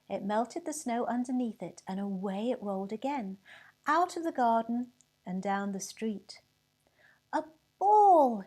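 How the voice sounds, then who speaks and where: Slow mellow woman reading a story. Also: medium pitch. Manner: expressive, whispers and cheerful shouts for effect.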